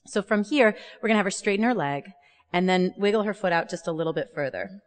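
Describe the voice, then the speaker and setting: A woman's voice: mid-range voice, quick pace. A woman yoga teacher giving explanatory, step-by-step spoken instruction on a pose. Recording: reverberant hall-like room.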